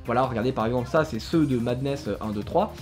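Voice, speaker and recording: A man's voice: medium pitch, quick pace, soft background music. A man hosting a video, telling a story in a casual, jokey commentary style with offhand swearing. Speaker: YouTube host.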